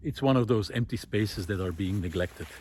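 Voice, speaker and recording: His voice sits on the low side with a darkish tone and moderate pace, and there's a bit of hiss or hum. He's a vlogger walking through a vineyard village, offering an unscripted, reflective monologue to camera that muses hesitantly and trails off into asides as part of his walking talk series.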